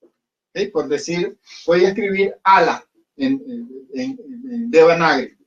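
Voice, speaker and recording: Guy teaching a class, high voice, keeps saying ok?, muffled lo-fi sound. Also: lively intonation, takes it slowly. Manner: patient, repeats words and asks "¿ok?" often. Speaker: Hindi teacher. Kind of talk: classroom lesson at a whiteboard. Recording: dull lo-fi recording.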